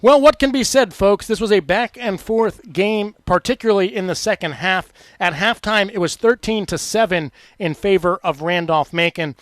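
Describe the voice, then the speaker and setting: A man calling a college football game live on radio as the play-by-play announcer, with energetic, emphatic delivery. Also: sits high, normal speed, hardly any pauses, no echo. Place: press box at a college football stadium.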